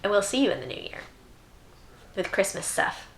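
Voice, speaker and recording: A woman's voice: medium pitch, big pitch swings, moderate pace, vocal fry. A woman hosting a vlog in casual, chatty talk. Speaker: vlog host. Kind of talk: casual chat. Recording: echoey room, faint background noise.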